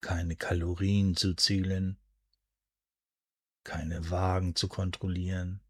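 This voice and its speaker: A man guiding a sleep hypnosis in a soothing, hushed, deliberate way, with a soft breathy voice and drawn-out pauses. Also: low voice, flat delivery, no echo. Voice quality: breathy, soft, at times near a whisper. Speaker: hypnosis and relaxation guide. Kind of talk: guided sleep hypnosis, scripted narration.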